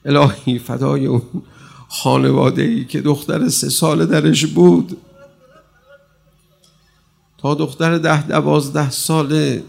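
A man's voice: a little high, flat delivery, gravelly, pauses often, a little mellow. A male preacher giving an impassioned sermon, with emphasis that rises and falls. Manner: impassioned, rising and falling emphasis. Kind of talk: religious sermon.

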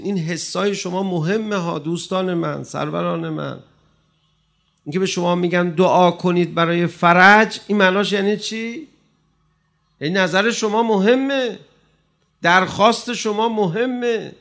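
A man's voice: sits high, gravelly, fairly bright tone. A male preacher giving an impassioned sermon, with emphasis that rises and falls. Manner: impassioned, rising and falling emphasis. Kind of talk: religious sermon.

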